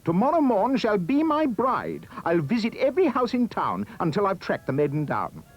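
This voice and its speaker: A man's voice: high voice, huge pitch swings, normal speed, lo-fi sound, soft background music, voice pushed up, heavily acted. Male narrator doing a melodramatic prince, raised and proclaiming, for a storybook rhyme. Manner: grandly declaiming. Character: lovestruck, dramatic young prince.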